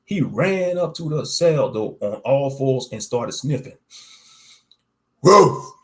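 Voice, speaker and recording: A man's voice: medium pitch, expressive, a little slow, dark tone. A man reading a scripted first-person story as its narrator.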